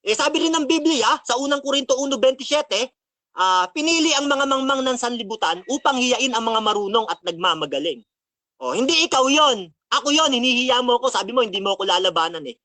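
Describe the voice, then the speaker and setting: Male debater, high-pitched, dry close sound; taunting, scripture-quoting rebuttal. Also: animated, brisk, pushed and bright, dry recording. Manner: taunting, mocking, quotes scripture constantly. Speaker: religious debater.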